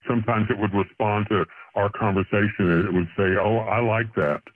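A man's voice: on the low side, steady tone, fairly quick, dry recording. A man calling in to a radio show, his voice disguised by a voice changer, telling a personal story earnestly with stumbles and restarts. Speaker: caller. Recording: voice-changed phone-line call.

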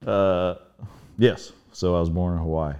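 Male guest from Northern Virginia, very low voice, relaxed and halting. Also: clear, resonant tone. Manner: laid-back, halting, with many fillers. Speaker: podcast guest. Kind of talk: casual interview chat.

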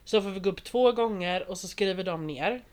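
A young woman chatting casually, expressive and laughing, swearing now and then. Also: medium pitch. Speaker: reality show contestant. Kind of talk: casual podcast chat.

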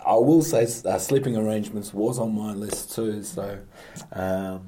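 A man, an artist on a panel discussion, speaking in a soft, hesitant way. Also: on the low side, fairly even intonation, moderate pace, slight background noise.

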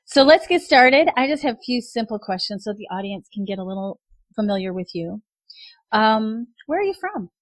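A woman's voice: on the high side, very animated, normal speed, no echo. A woman hosting an interview podcast, asking questions in an upbeat, eager way and laughing often. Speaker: podcast host.

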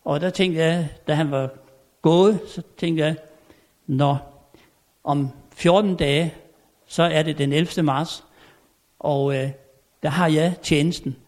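An older man, a former royal valet, giving an anecdotal storytelling lecture at a country inn. He acts out quoted dialogue and often pauses to hesitate. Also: fairly high pitch, fairly even intonation, darkish tone.

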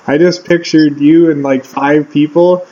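A man's voice: a little high, fairly even intonation, unhurried, mellow. A man co-hosting a casual podcast, reacting with amused questions and swearing. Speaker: podcast co-host. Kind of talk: casual chat. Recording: dull lo-fi sound.

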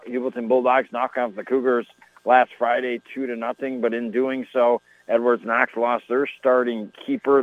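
A man calling a high school soccer match on AM radio in a folksy, conversational way. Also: no echo, low-quality recording. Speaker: play-by-play sports commentator.

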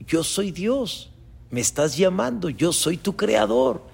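A rabbi voicing God as a calm, fatherly male deity speaking softly and reassuringly. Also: slow, vocal fry, breathy edge, heavily acted. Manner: soft, low, gentle reassurance.

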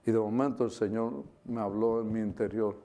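A man's voice: lowish voice, steady tone, moderate pace, warm tone. A middle-aged male preacher giving a sermon with personal testimony, talking conversationally with frequent tag questions and bits of English mixed in.

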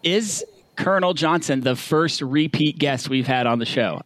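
A man's voice: a little high, moderate pace, fairly bright tone. A man hosting a podcast, interviewing in a casual, conversational way.

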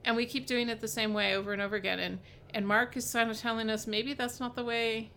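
A woman with a bright, fairly high voice hosts a casual devotional podcast. She talks loosely, looping back with fillers and restarts and checking in with a quick "right?" She sounds like she is thinking out loud with a friend. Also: steady tone, slight background noise. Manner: chatty, many fillers and restarts, asks "right?". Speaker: podcast host and Bible teacher.

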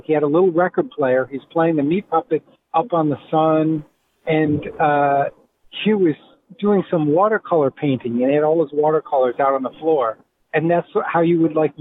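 A middle-aged man with a Rhode Island accent, reminiscing in a relaxed, rambling way as an interview guest. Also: a little high. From Providence, Rhode Island. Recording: tinny phone line with faint hiss.

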